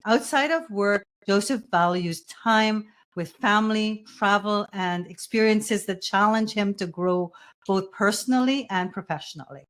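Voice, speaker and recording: A woman hosting an interview, reading a guest introduction and asking clear questions. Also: medium pitch, measured pace. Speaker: host.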